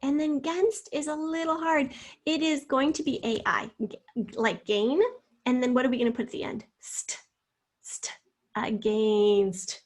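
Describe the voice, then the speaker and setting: A woman teacher with a slightly high voice walks students through a spelling lesson. She draws out each syllable slowly and speaks to them in an encouraging way. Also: steady tone. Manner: slow, drawn-out sounding out of words; encouraging, addresses students directly.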